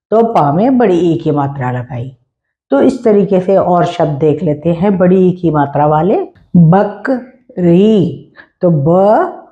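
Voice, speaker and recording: A woman's voice: lowish voice, dark tone. A woman teaching a Hindi lesson, stretching out words syllable by syllable as she spells them. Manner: slow, drawn-out syllable-by-syllable spelling. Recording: dull lo-fi recording.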